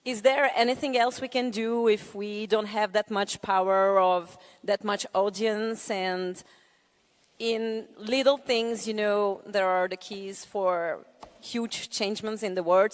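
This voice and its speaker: A woman from Belgium and Hungary, an audience member asking a question slowly and hesitantly. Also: medium pitch, steady tone. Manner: slow, hesitant, searching for words. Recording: long hall reverb.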